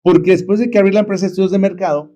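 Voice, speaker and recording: A man's voice: sits high, fairly even intonation, very fast, warm tone, a little hiss or hum. A middle-aged man, an entrepreneur guest telling his story in a casual, reflective way, rambling with many fillers and restarts. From Mexico.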